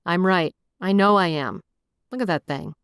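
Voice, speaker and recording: A woman's voice: lowish voice, normal speed, clean tone, no echo, studio quality. A woman reading an audiobook voices a stubborn, reluctant young man who answers in curt, clipped lines. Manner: flat, clipped refusals.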